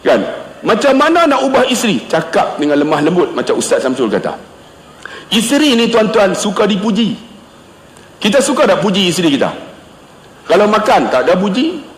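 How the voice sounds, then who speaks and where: A middle-aged man giving a humorous religious lecture, loud and animated, acting out the voices of people in his stories. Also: high-pitched, moderate pace, pauses often. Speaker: preacher. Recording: echoey hall, long reverb.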